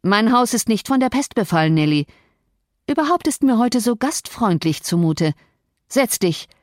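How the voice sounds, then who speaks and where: A woman's voice: a little high, lively intonation, moderate pace, a little mellow, no echo, clean studio sound, voice pushed up, lightly acted. A woman reading an audiobook, voicing a brooding, cruel male landowner who gives cold, sarcastic commands. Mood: mocking.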